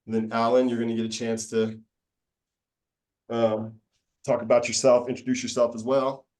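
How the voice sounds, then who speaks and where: A man's voice: medium pitch, flat delivery, moderate pace, darkish tone, recorded from a distance. An upbeat man hosts a casual video-call meeting. His talk is loose and joking, and he laughs easily between remarks. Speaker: meeting host.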